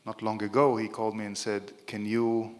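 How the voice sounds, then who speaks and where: In a reverberant event hall, a middle-aged keynote speaker with an Israeli accent addresses a big audience in a casual, joking way full of fillers. His fairly low voice moves at normal speed with a completely flat delivery.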